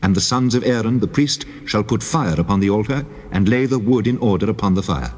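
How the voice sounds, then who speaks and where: An actor playing a solemn God who gives the law in measured, stately commands in a scripture drama. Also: male voice, on the low side, lively intonation, darkish tone. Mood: louder, commanding. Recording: long cavernous reverb on voice.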